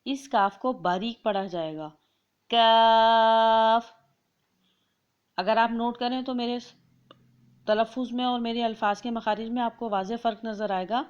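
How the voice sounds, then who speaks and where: Woman teaching pronunciation, dull lo-fi sound. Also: a little high. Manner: draws out each letter slowly for children to copy. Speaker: Quran reading teacher. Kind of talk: slow instructional pronunciation lesson.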